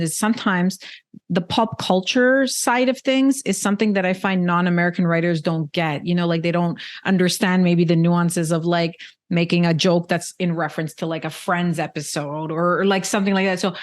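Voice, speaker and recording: A woman hosting an interview podcast, curious, asking long winding questions in casual talk. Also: fairly low pitch. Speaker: podcast host.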